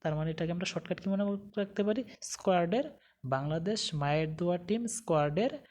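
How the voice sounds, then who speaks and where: A woman's voice: fairly low pitch, brisk, darkish tone. A woman teaching a vocabulary lesson, asking questions and answering them herself. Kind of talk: vocabulary lesson with memory tricks.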